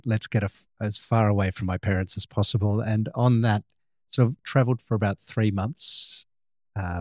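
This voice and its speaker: An Australian photographer chats casually as an interview guest, rambling in a relaxed way and frequently restarting his sentences. His voice is lowish, and the recording is dry.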